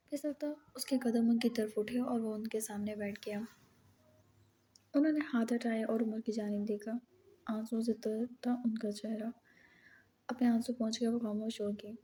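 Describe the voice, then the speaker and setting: Soft-spoken woman narrating a novel. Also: fairly high pitch, husky. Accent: Urdu. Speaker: audiobook narrator. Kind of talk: reading a romance novel aloud.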